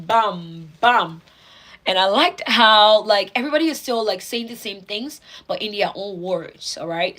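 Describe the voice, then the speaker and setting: A woman's voice: mid-range voice, a bit bright, poor audio. A young woman hosting a casual livestream, reading out viewer comments in a bubbly way, laughing often and repeating words for emphasis. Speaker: livestream host.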